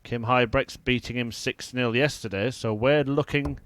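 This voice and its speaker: A man giving live darts commentary in measured, analytical short observations. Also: medium pitch, steady tone, a bit bright, no echo.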